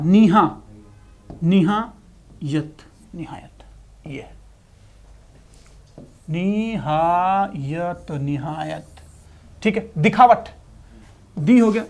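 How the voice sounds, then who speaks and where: A man's voice: sits high, darkish tone. Male shorthand teacher spelling words out. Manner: spells out words syllable by syllable, repeating them; patient, explanatory, checks in with "ठीक है". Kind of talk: classroom lesson.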